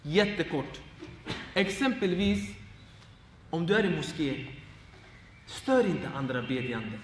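A male Islamic teacher giving short, informal advice, animated and laughing as he acts out everyday examples. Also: on the high side, roomy sound, big-room sound, a little hiss or hum.

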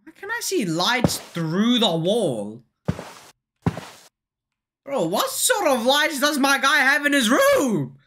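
A woman giving horror game commentary, jumpy and slangy, breaking into loud exclamations. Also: high-pitched, huge pitch swings, slow, long pauses, very noisy. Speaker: gaming YouTuber.

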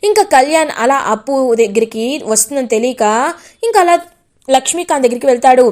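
A woman storyteller retelling the plot of a television serial in an animated way. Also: high voice, fast talker.

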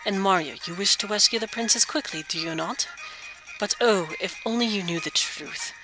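A woman voicing an old, wise, kindly male frog sage from a video game, speaking in measured, formal phrases. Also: medium pitch, over music, natural voice, poor audio. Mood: grave, patient. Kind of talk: video game dialogue read aloud.

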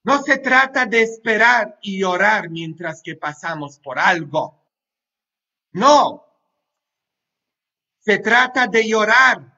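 A pastor delivers a sermon in a lively, joking style, firing quick questions and asides at his congregation and loudly half-singing lines from songs. His high, bright voice lingers over the words, and the recording is dull and lo-fi.

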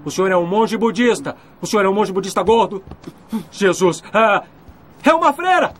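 A man dubbing an earnest young groom in a film, guessing quickly and excitedly. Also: high-pitched, slight background noise. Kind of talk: dubbed film acting.

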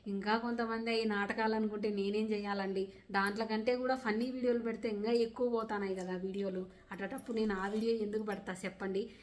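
A woman's voice: medium pitch, level tone, fast. Earnest young woman with a Rayalaseema accent. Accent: Rayalaseema Telugu. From Rayalaseema, India. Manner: earnest, rustic village dialect, defends herself plainly. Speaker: vlogger. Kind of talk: casual Q&A vlog.

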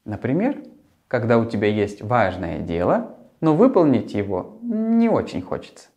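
A man in his thirties presenting to a young child as a children's show host, speaking in a friendly, simple and deliberate way into a lapel mic. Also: medium pitch, sing-song, darkish tone, lo-fi sound. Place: small furnished room, later a martial arts hall.

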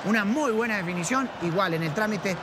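A man gives analysis during a football match. His voice is high. The broadcast carries clear stadium noise behind him. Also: a little fast. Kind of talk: match commentary. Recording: broadcast over noisy stadium ambience.

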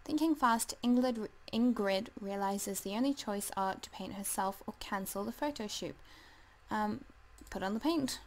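A woman's voice: mid-range voice, normal speed, a little mellow, poor audio. A woman casually commenting as she plays a life simulation game, chatty and hesitant, full of ums, and talking to the game characters. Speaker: let's play gamer.

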